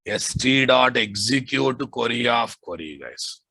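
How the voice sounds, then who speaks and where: A man's voice: mid-range voice, lively intonation, a little slow, creaky, bright, forceful tone, breathy edge, dry recording. A man with a Telugu Indian accent teaching a live coding lesson, dictating code with repeated phrases and informal asides to his students. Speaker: programming instructor.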